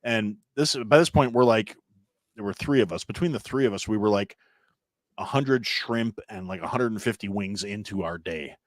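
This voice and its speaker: A Wisconsin man in his thirties, appearing as a podcast guest, chats casually at a moderate pace with no room sound. He rambles through long stories and acts out other people's voices with big jumps in pitch.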